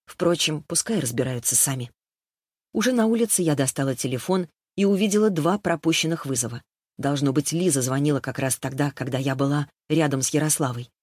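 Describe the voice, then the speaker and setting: A woman reading an audiobook in first person, with even storytelling narration. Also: sits low, a little fast, breathy edge, no echo, studio quality.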